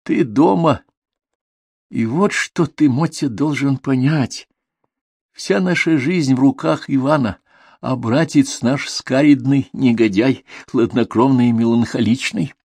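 A man's voice: mid-range voice, a little slow, a little mellow, slightly rough, no echo, clean studio sound, voice pushed up. A man voicing a tearful, affectionate older sister, raising his voice and speaking in a lilting, heartfelt, homely way. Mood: confiding.

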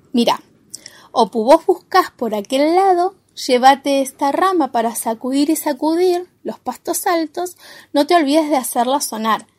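A woman voicing a kind, calm friend character who speaks gently and soothingly, with an Argentine accent. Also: high voice.

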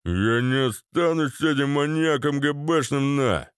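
A man voicing a brutish, foul-mouthed ex-paratrooper with a slow, rough manner in an audiobook. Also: medium pitch, dry recording, clean studio sound, natural voice.

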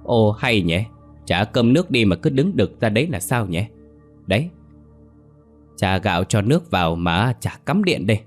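A man's voice: on the low side, sing-song, moderate pace, soft background music. A man voicing a brusque middle-aged village husband. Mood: scolding. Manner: brusque, scolding.

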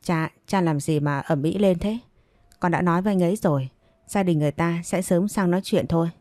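A woman's voice: fairly low pitch, a little fast, a little mellow, no room sound, studio quality, natural voice. A woman voicing a defiant young pregnant village woman who argues back and pleads.

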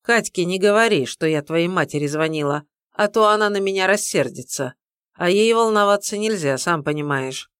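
A woman's voice: on the low side, normal speed, clear, resonant tone, dry recording, studio quality, close to an everyday voice. A woman reading an audiobook, voicing a pushy, meddling middle-aged mother who needles and insists. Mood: needling.

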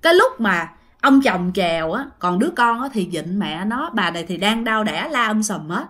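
A woman's voice: mid-range voice, big pitch swings, moderate pace, fairly bright tone. A woman with a Southern Vietnamese accent telling a ghost story casually, chatting directly to her listeners.

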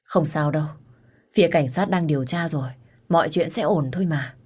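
Woman doing a gentle, soothing husband. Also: low-pitched, fairly quick, breathy edge. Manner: soothing, reassuring. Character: comforting ex-husband, gentle man.

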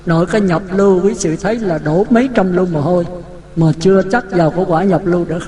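A man's voice: sits high, darkish tone. A man giving a Buddhist dharma talk, vivid and full of rhetorical questions. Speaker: Buddhist monk teaching. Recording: echoey hall.

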